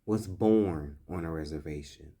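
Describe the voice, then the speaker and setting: A man's voice: extremely low pitch, measured pace, dark tone, breathy edge. A man giving blunt, emphatic commentary in a vlog, reading old scripture passages and then explaining them in plain talk.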